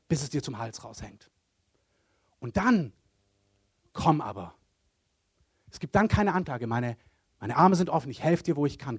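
A man preaching a sermon, earnest, dropping to hushed low lines and rising to loud emphatic bursts. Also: dry recording, studio quality.

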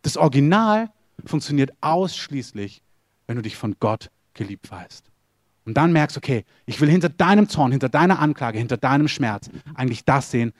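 A man's voice: no room sound, clean studio sound. A man preaching a sermon in German, earnest and direct, questioning his listeners and building to raised emphatic runs. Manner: swings between soft lows and raised emphatic runs. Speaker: pastor.

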